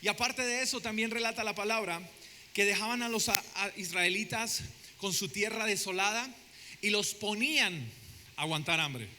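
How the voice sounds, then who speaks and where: High, piercing-voiced man preaching. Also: normal speed, pushed and bright, big-room sound, slight background noise. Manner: dramatic, asks the congregation questions. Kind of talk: sermon. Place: church sanctuary.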